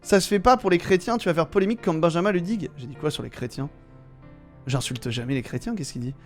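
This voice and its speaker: A man's voice: on the high side, lively intonation, fast talker, soft background music. A man streaming live, reading viewer messages aloud and commenting on them with wry jokes.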